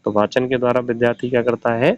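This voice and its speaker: A man's voice: mid-range voice, flat delivery, fast talker, darkish tone. A man teaching an exam-prep lesson. He poses a question, answers it himself, and restates each point in simpler words. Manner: explains each point, then asks and answers his own questions. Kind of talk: recorded classroom-style lecture. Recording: slightly dull, lo-fi audio.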